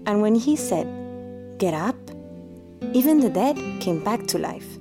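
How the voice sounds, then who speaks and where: A gentle, devout mother. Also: medium pitch, sing-song, a little slow, music in the background. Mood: tender. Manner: soft, tender, half-whispered. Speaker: voice actor. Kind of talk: audio drama acting.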